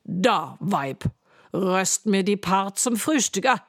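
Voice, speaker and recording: A woman playing a slow, booming storybook giant. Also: animated, no echo, studio quality. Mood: gruff. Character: huge hungry male giant, gruff, greedy.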